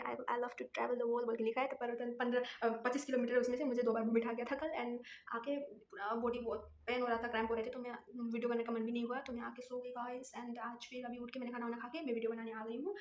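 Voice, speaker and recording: A woman's voice: a little high, slight background noise. A young woman vlogging casually, telling a rambling story and repeating herself as she goes. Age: young adult. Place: room at home. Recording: echoey room.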